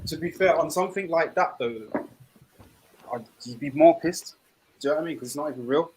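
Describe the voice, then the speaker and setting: A man's voice: a little high, brisk. A man chatting casually in heavy slang, often tagging his points with rhetorical questions. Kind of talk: casual slangy group chat. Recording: noisy mic with clicks.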